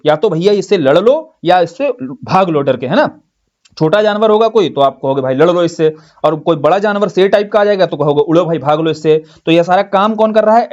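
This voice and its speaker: A man's voice: high voice, darkish tone, lo-fi sound. A man giving a conversational exam-coaching lecture, explaining with everyday examples and asking and answering his own questions. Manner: often adds "bhai" and "theek" fillers.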